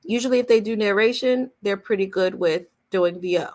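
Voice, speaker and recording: A voice-over coach takes questions in a casual live session, her mid-range voice a little mellow and a little fast. She explains emphatically, working point by point and repeating things.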